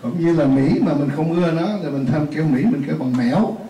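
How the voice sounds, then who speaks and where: A man's voice: fairly high pitch, fairly quick, mellow. Distant, chatty man teaching a class. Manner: chatty, explains with repeated examples and asides. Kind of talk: classroom lesson. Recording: roomy, distant mic, faint hiss.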